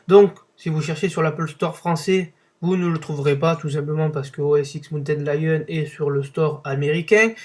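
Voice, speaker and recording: Hesitant young French tech podcaster. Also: male voice, a little high. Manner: hesitant, many fillers and restarts, unimpressed. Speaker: podcast host. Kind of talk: casual tech commentary podcast.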